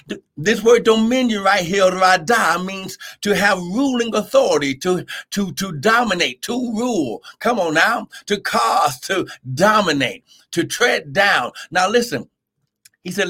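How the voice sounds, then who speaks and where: A man's voice: high voice, expressive, unhurried, pushed and bright, husky. A man preaching an impassioned live-streamed Bible sermon, exhorting emphatically with repeated phrases and drawing out scripture for weight.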